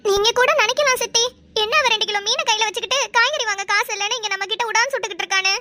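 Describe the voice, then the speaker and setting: A woman voicing a chatty, blunt young village girl in a cartoon, talking in a quick rural manner. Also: very high-pitched, background noise.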